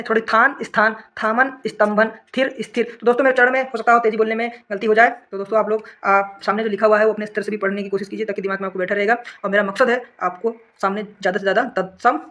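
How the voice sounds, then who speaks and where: A male teacher giving a rapid revision lesson, reading word pairs aloud one after another and often checking in with his students. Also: high-pitched, pushed and bright. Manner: rattles off word lists, often says "okay, friends". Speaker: exam prep teacher.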